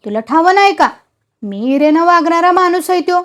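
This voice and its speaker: A woman voicing a hot-tempered, stubborn village husband who shouts in rustic village speech. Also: very high voice, sing-song, measured pace, pitched above the performer's own voice, heavily acted. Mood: angry shouting.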